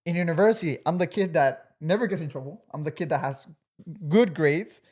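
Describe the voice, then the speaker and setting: A man's voice: a little high, fairly quick, darkish tone, slightly rough. Earnest talkative young man. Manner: earnest, talkative, many "like" fillers. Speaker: podcast guest. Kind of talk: casual podcast conversation.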